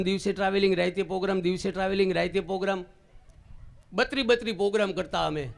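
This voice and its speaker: A man telling jokes on stage, a lively storyteller who now and then breaks into drawn-out singing. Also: high voice, gravelly. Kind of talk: live Gujarati folk comedy storytelling.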